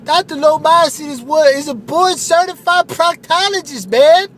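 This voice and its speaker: A man voicing an excitable barfly in a spoof radio ad who talks loud, high and shouting. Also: normal speed, a little hiss or hum. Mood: excited. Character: excitable, shouting male barfly pushing a doctor.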